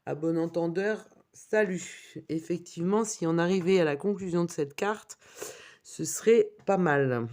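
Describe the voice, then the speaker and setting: A woman's voice: on the low side, unhurried, a little mellow. A woman giving a weekly tarot reading, reading out card meanings with wry asides. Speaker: tarot reader.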